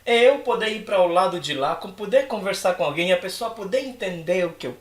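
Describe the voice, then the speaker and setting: A man teaching an English lesson in a casual, animated way, switching between English and Portuguese and acting out his students' lines. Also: sits high, quick pace, echoey room.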